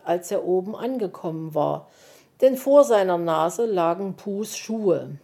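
A woman reads a children's story aloud at an unhurried pace. Her tone is mellow and soft, and she tells the story gently. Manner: slow, gentle reading that jumps into higher voices for the animal characters.

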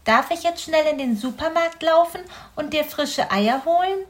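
A woman's voice: high voice, normal speed, voice pushed up, close to an everyday voice. A woman voicing an eager, cheeky little boy hedgehog in a children's audio story.

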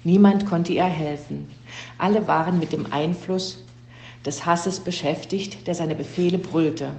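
Low, mellow woman reading a story. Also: steady tone, a little slow, echoey room. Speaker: reader of a children's story. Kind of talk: scripted storybook narration.

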